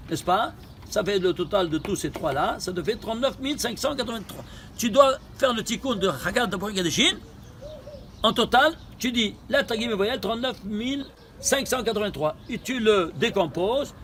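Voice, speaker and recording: Rabbi teaching torah, high bright voice, animated, keeps asking questions, faint noise behind. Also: male voice. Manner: animated, questioning, repeats phrases. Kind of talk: Torah lesson with gematria.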